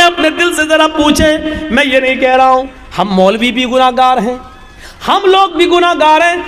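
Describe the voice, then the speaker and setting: Male preacher, very high emphatic voice, hall reverb, rhetorical. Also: fairly bright tone. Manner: emphatic, repetitive rhetorical questions. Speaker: Islamic preacher. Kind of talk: sermon.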